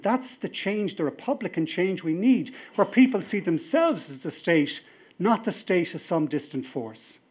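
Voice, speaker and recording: A middle-aged Irish man, the party leader, gives a rousing political convention speech at a podium microphone to a seated audience in a large indoor hall. His voice is high and a little mellow with a breathy edge, building toward emphatic appeals.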